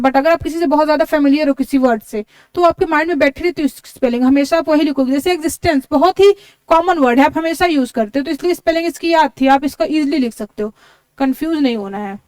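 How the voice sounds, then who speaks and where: High-voiced woman teaching spellings. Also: dry recording. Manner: spells words out letter by letter; explains step by step, repeats words. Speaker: English teacher. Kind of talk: exam-prep lesson.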